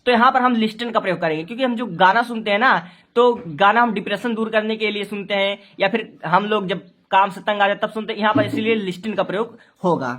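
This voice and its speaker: A woman's voice: medium pitch, fairly even intonation, fast talker, fairly bright tone. A woman teaching a translation lesson, explaining each step, asking and answering her own questions, and spelling out words letter by letter. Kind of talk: Hindi-to-English translation lesson.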